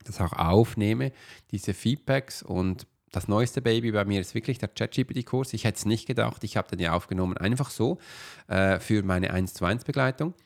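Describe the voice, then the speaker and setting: Sitting at his computer as a video uploads, this male podcast host and coach chats in a loose, rambling style packed with filler sounds. He talks at a moderate pace in a fairly low pitch.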